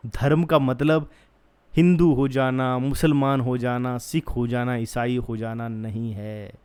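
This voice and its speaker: A man's voice: mid-range voice, little pitch movement, slow, darkish tone, clear, resonant tone. A young man giving opinion commentary in an earnest, argumentative way, stopping often with fillers and restarts. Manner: acts out soothing quoted voices. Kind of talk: opinion commentary on a news case.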